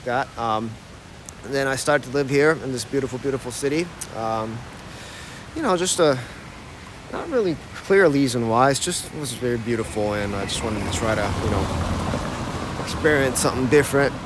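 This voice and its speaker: A little hiss or hum accompanies a medium-pitched, slightly bright male voice. The speaker, a man in his thirties from Ohio with an American accent, is a tour guide live-streaming a walk outdoors on an old city street, talking casually and chattily with many fillers while holding a phone camera as he walks.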